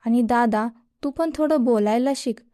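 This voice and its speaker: A woman's voice: on the high side, normal speed, dark tone, dry recording, clean studio sound, close to an everyday voice. A woman voicing a cheeky teenage boy who teases his older brother and boasts. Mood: teasing. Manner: teasing and boastful.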